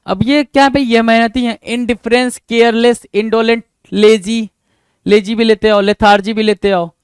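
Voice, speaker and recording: Guy teaching vocab, keeps asking "what does it mean?", high clear voice. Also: steady tone, moderate pace, no room sound. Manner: rhetorical questions to students, repeats words. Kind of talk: exam-prep vocabulary lesson.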